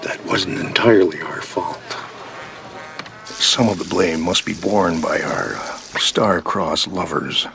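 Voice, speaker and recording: An actor playing a sardonic, theatrical man who tells dark events with relish in a wry, mock-ceremonious manner in a television drama. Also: low-pitched, slow, creaky, heavily acted. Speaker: storyteller under questioning. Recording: music behind the voice.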